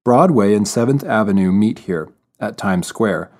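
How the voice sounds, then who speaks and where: A man's voice: lowish voice, lively intonation, a little slow, a little mellow. A man voicing a cheerful male city tour guide in a scripted exam listening text. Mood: welcoming. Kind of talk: scripted exam dialogue reading.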